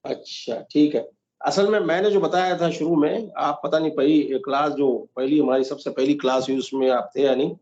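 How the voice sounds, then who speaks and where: A high-voiced man teaching an online class, who patiently asks questions and repeats each example. The call audio sounds roomy and dull. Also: fairly even intonation, darkish tone. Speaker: Quran recitation teacher. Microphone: video call.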